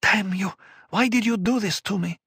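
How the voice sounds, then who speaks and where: A man's voice: animated, a little slow, fairly bright tone, husky, no room sound, clean studio sound, heavily acted. A man voicing an anguished young woman. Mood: angry. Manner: pleading, emotional, raised pitch. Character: anguished young woman, former warrior sister.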